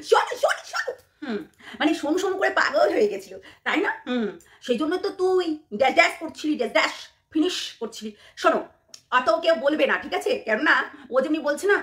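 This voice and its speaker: A woman scolds and taunts her viewers in a fast, repetitive vlog rant. Her voice is high and sharp-edged, and she speaks at a rapid clip. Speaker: vlogger. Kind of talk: angry rant to camera.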